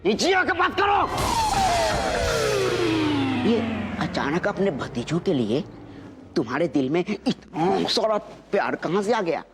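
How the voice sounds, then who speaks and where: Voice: mid-range voice, lively intonation, unhurried. An actor voicing a bumbling, cheeky cartoon henchman who talks back to his villain boss. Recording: cartoon soundtrack with music.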